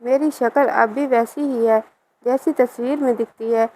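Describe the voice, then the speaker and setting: A calm young landowner husband in a spoken story, measured and reproachful as he rebukes, voiced by a woman narrator. The voice sits a little high for a man. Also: slight background noise, lightly acted.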